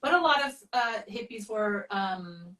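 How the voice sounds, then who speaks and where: A woman in her forties from California, an artist guest chatting casually in a halting, rambling way on a video call. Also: mid-range voice, expressive, sharp tone, far from the mic. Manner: rambling, halting, laughs often. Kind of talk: casual interview chat. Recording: roomy, a bit off-mic.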